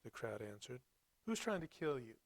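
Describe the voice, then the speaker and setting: Reading scripture aloud and then commenting in a plain, thoughtful, stop-and-start way, a man gives his Sunday sermon. His mid-range voice has a sing-song lilt, and the recording is dry.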